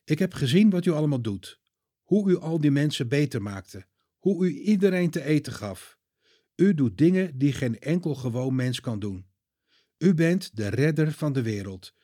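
Guy doing peter, fired-up impulsive disciple, high and loud, storybook reading, husky edge. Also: moderate pace, dry recording, clean studio sound. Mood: eager. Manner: excited, raised voice. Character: ardent adult male disciple Peter, impulsive and eager.

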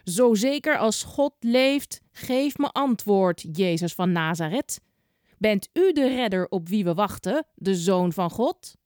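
A woman voicing a stern old male high priest in a storybook tale, speaking slowly and gravely. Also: animated, darkish tone, dry recording, studio quality. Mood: solemn. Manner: slow, grave questioning.

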